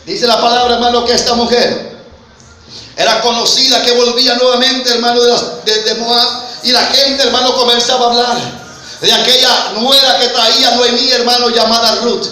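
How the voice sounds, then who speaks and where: High-voiced preacher, echoing hall. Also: male voice, little pitch movement, normal speed, sharp tone. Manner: impassioned, storytelling, frequent "hermano" address. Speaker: pastor. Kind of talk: sermon. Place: church. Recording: echoey church hall with faint noise.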